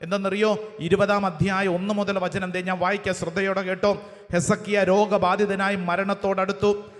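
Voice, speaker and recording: A priest with a high-set voice delivers a sermon, calling out verses one phrase at a time for the listeners to repeat. His words ring out with a long reverb, as if spoken in a large church hall. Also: level tone, normal speed. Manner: cites verses with English chapter numbers. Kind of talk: sermon with call-and-response.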